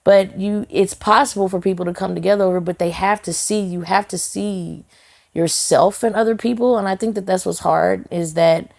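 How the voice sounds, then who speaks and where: A woman's voice: mid-range voice, steady tone, normal speed, creaky, a little mellow. A woman singer and songwriter, a guest in a casual podcast interview, talking earnestly and heartfelt with many "you know" fillers and restarts.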